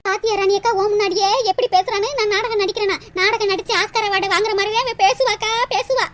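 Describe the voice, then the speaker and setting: A whiny, aggrieved woman, voiced by a woman for a cartoon comedy. Her very high voice rattles along quickly over audible background noise. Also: fairly even intonation. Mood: indignant. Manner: complaining, self-pitying.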